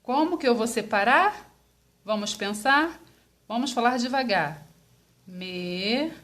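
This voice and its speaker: A woman teacher with a Brazilian Portuguese accent, giving a slow lesson to young children and sounding out each syllable patiently. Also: a little high, expressive, a bit bright.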